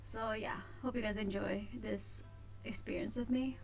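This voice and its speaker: A woman with a mid-pitched voice hosts a game playthrough in a casual, chatty style. She talks hesitantly and a little self-consciously, as if feeling her way through each thought. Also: fairly even intonation, moderate pace, soft background music, poor audio. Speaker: host of a visual novel let's play. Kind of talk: casual let's play chat with read-aloud narration.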